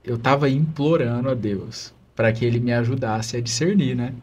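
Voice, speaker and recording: A man's voice: medium pitch, moderate pace, darkish tone, slight background noise. A man, a religious brother, telling an earnest, emotional story of his calling in a podcast interview.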